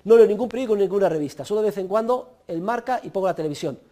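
A man's voice: sits high, expressive, very fast, mellow. A man quoting a lazy Spanish student. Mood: offhand. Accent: Peninsular Spanish. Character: lazy young male student, unbothered.

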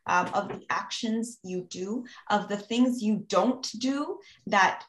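A woman's voice: mid-range voice, slow pace. Earnest woman giving advice, roomy sound. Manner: earnest, advising, frequent "you know" and "right?". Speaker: guest speaker on mental health. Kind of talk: casual podcast conversation.

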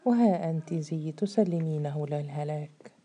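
A woman's voice: low voice, moderate pace, mellow, slight background noise, natural voice. A woman voicing a menacing, scornful man in a storybook reading, with a sneering, mocking delivery.

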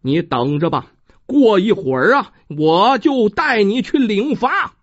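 A storyteller voicing an ugly green-faced mountain god who speaks slowly and pompously. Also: male voice, high-pitched, animated, heavily acted. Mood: wrathful. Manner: slow, pompous, wrathful. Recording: dull dry lo-fi recording.

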